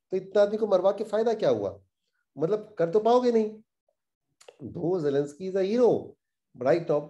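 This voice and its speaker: With a high voice and lo-fi sound, a male host gives a casual rundown of current events. He's animated and indignant, dropping English expressions into what he says.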